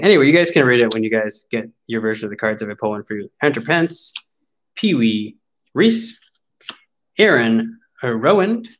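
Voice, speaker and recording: His voice is mid-range and a bit bright as this man in his forties runs a card break. He opens packs and chats wryly, complaining jokingly about what comes out of each one.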